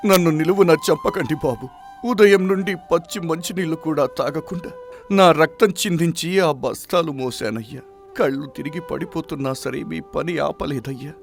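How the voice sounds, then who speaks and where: A man voicing a poor, honest young village laborer, speaking in an emotional, pleading way. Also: fairly low pitch. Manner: pleading, emotional dramatic reading.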